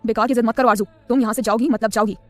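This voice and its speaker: A woman's voice: medium pitch, fairly even intonation, rapid-fire, a little mellow, no echo, voice pushed down, lightly acted. A woman voicing a stern, angry young man who speaks coldly and gives orders. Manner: cold, harsh, commanding.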